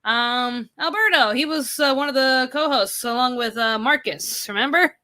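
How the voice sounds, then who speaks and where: Bright-voiced woman ranting on a stream. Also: sits high, normal speed. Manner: animated, ranting, bursts of exasperated emphasis. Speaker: host of a live chat and Q&A stream. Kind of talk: casual live-stream chat, reading viewer questions.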